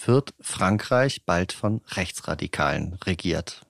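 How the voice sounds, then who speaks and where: A man's voice: low voice, animated, takes it slowly, gravelly, a bit bright, no room sound, studio quality. A man from Franconia in Bavaria interviewing a guest, asking long, winding questions with repeated words. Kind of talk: political interview.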